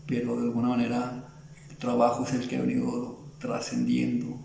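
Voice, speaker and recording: A Mexican man speaks in a gravelly, heavily creaky voice with a dark, mellow tone, his Mexican Spanish accent plain throughout. He rambles through his story in a casual interview, leaning on fillers and restarting his sentences. His voice sounds roomy, with faint background noise. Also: mid-range voice, monotone, normal speed. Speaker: illustrator guest.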